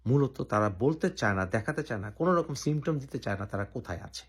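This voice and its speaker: Hosting his own channel, a man from Bangladesh argues an opinionated political position step by step, with deliberate pauses. He is animated, and his mid-range voice is slightly rough.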